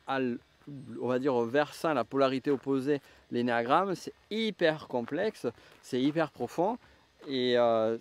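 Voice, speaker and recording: Direct your voice as a man with a southwestern French accent, explaining slowly to one listener, pausing and restarting mid-thought as he searches for words, at an easy, mid-range pitch. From southwest France. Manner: thinks aloud with frequent restarts and hesitations. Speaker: enneagram coach and trainer. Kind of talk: reflective teaching monologue.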